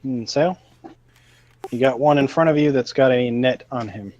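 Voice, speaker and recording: A man narrating as game master of a tabletop game, slow and halting with fillers. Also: medium pitch, a little mellow, a little hiss or hum. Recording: dull lo-fi sound.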